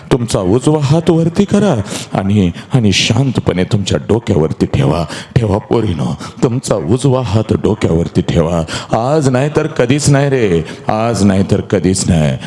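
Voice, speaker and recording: A man's voice: on the low side, husky. A man giving an emotional motivational speech to students. He pleads with them and repeats his lines, swelling into impassioned cries, and speaks straight to his listeners with commands.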